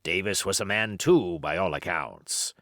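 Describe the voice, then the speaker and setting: Man voicing Long John Silver, slow low pirate. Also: a bit bright, no echo, clean studio sound. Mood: boastful, reminiscing. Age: 50s. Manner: salty, rambling, folksy boasting. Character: wily fifty-year-old one-legged pirate sea cook, boastful and flattering.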